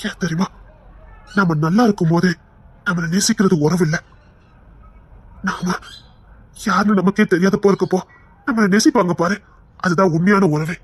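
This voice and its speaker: A man's voice: sits high, steady tone, moderate pace, pauses often, husky, no room sound. Brief: man voicing a sorrowful husband in an audio story, earnest and begging, dry close sound. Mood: pleading. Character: remorseful rough husband, gently pleading. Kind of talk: Tamil audio story acting.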